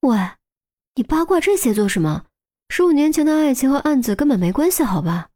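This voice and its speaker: A woman doing a sharp young female cop. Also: a little high, lively intonation, a little fast, natural voice. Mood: annoyed. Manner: sharp, suspicious, impatient. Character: young hot-tempered female police detective. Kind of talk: audiobook character voice.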